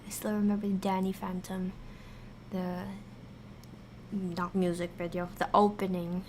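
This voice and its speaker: Slow-paced woman streaming a science lesson. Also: lowish voice, flat delivery, darkish tone, a little hiss or hum. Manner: halting, thinking aloud, repeating key terms. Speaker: science streamer, virtual avatar host. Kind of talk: casual livestream science lesson with asides to chat.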